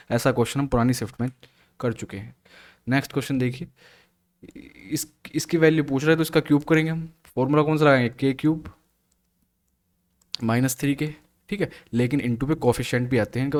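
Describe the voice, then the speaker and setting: A male math teacher solving exam questions aloud, asking and answering his own questions as he works. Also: mid-range voice. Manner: steady step-by-step explaining, asks and answers own questions. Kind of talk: exam solution walkthrough.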